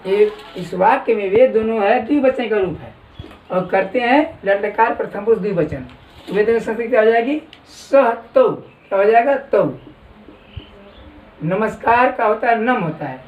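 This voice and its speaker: Man teaching class, slow careful dictation, echoey room, mic far off. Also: high-pitched, dull audio, a little hiss or hum. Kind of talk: classroom lesson.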